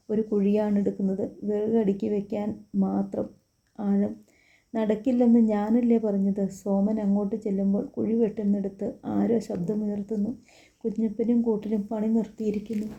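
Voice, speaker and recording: A woman narrating an audiobook story, softly voicing the characters' quoted lines. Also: mid-range voice, lo-fi sound. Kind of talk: scripted narration with character dialogue.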